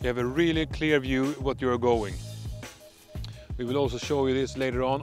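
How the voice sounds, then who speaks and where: This product demonstration vlog features a Swedish-accented, middle-aged presenter from Sweden with a mid-range pitch. Outdoors at night on a dark countryside road, with faint background music, he makes an enthusiastic sales pitch, stumbling with fillers.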